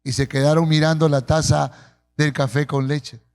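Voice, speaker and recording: A male pastor with a Peruvian Spanish accent, preaching a sermon in church and telling stories with slow, emphatic phrasing. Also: a little high, flat delivery, gravelly, a little mellow, smooth. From Peru. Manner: storytelling with acted quotes, slowing for emphasis.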